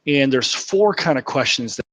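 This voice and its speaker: A man's voice: mid-range voice, animated, normal speed, a bit bright, no room sound. Man with audio cutting out, uneven volume. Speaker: presenter on a startup webinar. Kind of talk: live online presentation. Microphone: Bluetooth headset on a video call.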